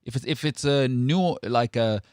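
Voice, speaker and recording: A man's voice: medium pitch, measured pace, a little mellow, clean tone, no room sound, clean studio sound. A South African man hosting a sports talk show, speaking in an opinionated, emphatic way with frequent restarts. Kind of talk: casual sports chat.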